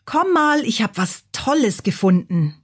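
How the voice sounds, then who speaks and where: A woman reading a storybook aloud, voicing a young vampire girl who is excitable and scheming. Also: mid-range voice, measured pace, husky. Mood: eager. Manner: excitable, exclaiming.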